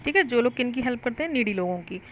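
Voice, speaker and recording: A young woman with an Indian accent teaching vocabulary, slowly explaining words and asking her students questions before answering them herself. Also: a little high, expressive, fairly bright tone, a little hiss or hum, low-quality recording. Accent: Indian English. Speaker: English teacher. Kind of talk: Hindi-English vocabulary lesson.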